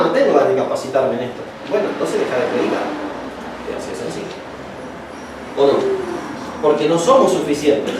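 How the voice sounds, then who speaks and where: A man's voice: high voice, noisy background. A man teaching a homiletics class in a chatty, joking way, acting out little stories. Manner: chatty, joking, acts out anecdotes. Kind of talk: casual classroom lecture. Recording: echoey room from far off.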